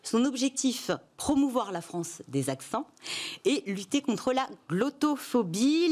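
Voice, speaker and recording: A woman's voice: medium pitch, darkish tone. Female TV columnist, Parisian accent, mid-range voice, assertive explanatory delivery. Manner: emphatic, addresses viewers directly. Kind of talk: scripted TV column with asides.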